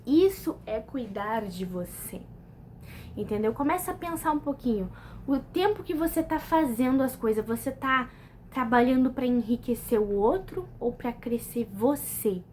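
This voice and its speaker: A woman's voice: fairly high pitch, expressive, unhurried, darkish tone, a little hiss or hum. Chatty Brazilian woman giving advice. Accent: Brazilian Portuguese. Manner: conversational, repeats "entendeu?" often, restarts. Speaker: personal development vlogger. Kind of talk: casual motivational talk to camera.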